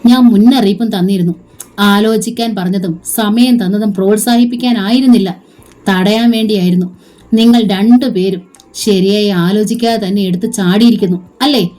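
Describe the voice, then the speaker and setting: A woman voicing a worried older male teacher who reasons gently with a girl. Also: mid-range voice, moderate pace, close to an everyday voice. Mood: concerned.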